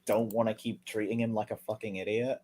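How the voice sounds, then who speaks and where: A man's voice: on the low side, level tone, a little fast, darkish tone. A man hosting a casual commentary, reading out tweets and answering them sarcastically and heatedly, with frequent swearing. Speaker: commentary video host.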